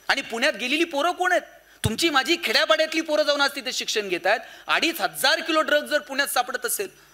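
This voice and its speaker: A man giving an animated public lecture to parents and teachers in an auditorium, firing rhetorical questions at the audience. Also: sits high. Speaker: motivational speaker addressing parents and teachers.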